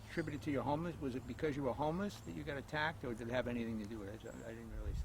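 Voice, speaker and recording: A man interviewing someone outdoors in a park, asking halting questions full of restarts. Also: medium pitch, vocal fry, background noise.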